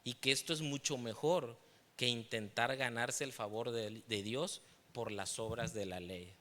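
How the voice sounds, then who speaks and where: A man's voice: medium pitch, fairly even intonation, measured pace, in a large hall. A man with a Mexican Spanish accent preaching a sermon in church, sharing personal testimony and asking the congregation questions. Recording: loud music behind the voice.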